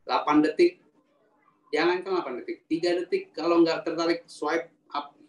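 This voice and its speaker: A man's voice: fairly high pitch, moderate pace. Man teaching casually in a roomy space. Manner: casual, animated teaching with rhetorical questions; reads audience chat comments aloud. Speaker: public speaking trainer. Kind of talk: live webinar talk. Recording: roomy sound, mic at a distance, faint ambience.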